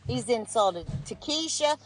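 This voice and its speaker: A woman's voice: a little high, expressive, a little slow. A woman from the North Carolina mountains with an Appalachian accent, venting about politics in a blunt, scolding, folksy way on a live stream. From mountains of North Carolina, United States. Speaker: guest caller on a live stream.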